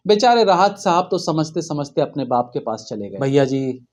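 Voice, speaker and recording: A man's voice: fairly high pitch, sing-song, moderate pace. A man hosting satirical news, with mocking, sarcastic asides.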